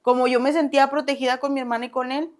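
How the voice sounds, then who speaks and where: A young woman with a Mexican Spanish accent recounts her past in a relaxed podcast chat. Her voice sits a little high, and she talks in a lively, animated way, acting out what others said and laughing along the way. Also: very fast. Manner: animated, acts out past dialogue, laughs often. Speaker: podcast guest. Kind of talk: casual storytelling interview.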